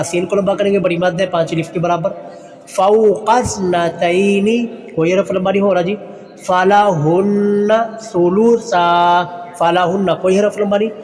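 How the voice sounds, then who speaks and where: High-voiced man teaching Quran recitation. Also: a little mellow, big-room sound. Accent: Pakistani Urdu. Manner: recites each word slowly and drawn out, then explains the rules plainly; uses polite filler "ji" often. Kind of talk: slow tutorial teaching Quranic pronunciation. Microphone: phone voice recording for a messaging class.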